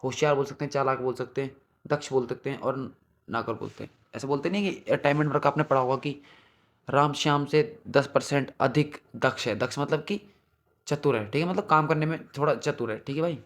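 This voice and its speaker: A young man drills exam-prep vocabulary in a synonym revision lesson, repeating word lists and checking in with "theek hai bhai" after each one. His voice is mid-range and brisk with a fairly bright tone.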